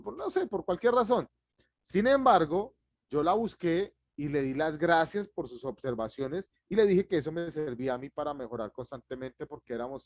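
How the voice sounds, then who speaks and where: A man, giving an online public speaking class, who talks fast and lively and chuckles at himself. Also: fairly high pitch, no echo.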